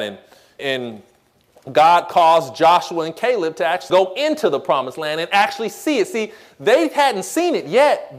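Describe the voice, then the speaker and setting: A man preaching a radio sermon, reading scripture slowly and asking the congregation questions. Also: high-pitched. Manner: repeats "guess what" and "you see", reads scripture slowly. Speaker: pastor.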